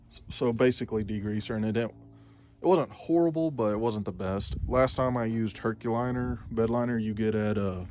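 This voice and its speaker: A man's voice: medium pitch, a little mellow, a little hiss or hum. A man filming a casual how-to vlog outdoors by his truck, rambling and correcting himself as he talks plainly about the job. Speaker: vlogger.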